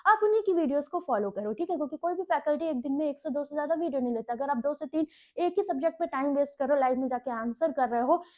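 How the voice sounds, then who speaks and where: A woman's voice: high-pitched, animated, quick pace, a little mellow. A young woman teacher giving direct, instructive bank exam preparation advice in a lecture, often checking in with her students. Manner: direct, instructive, frequent "ठीक है" check-ins. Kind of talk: Hinglish exam-prep lecture.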